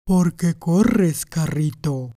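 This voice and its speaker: A woman's voice: deep voice, animated, extremely slow, dark tone, no room sound, clean studio sound, full character voice. A woman voicing a mournful talking dung heap in a storybook tale, drawing out each phrase. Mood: gloomy. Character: slow, gloomy talking dung heap, thing.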